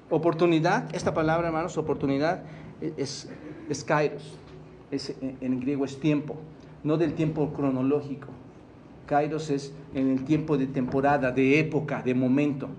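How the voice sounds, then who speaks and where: Mexican pastor guy preaching, kinda high voice, keeps asking the church questions, bit of faint noise behind. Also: a little mellow. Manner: questions the congregation, repeats words for emphasis. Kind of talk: sermon.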